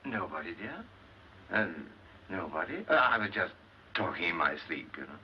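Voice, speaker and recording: A man's voice: low voice, big pitch swings, moderate pace. A man playing a flustered, henpecked middle-aged banker in old Hollywood screwball comedy banter, protesting defensively. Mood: sheepish, evasive. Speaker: actor in a comedy film. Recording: dull, noisy old film soundtrack.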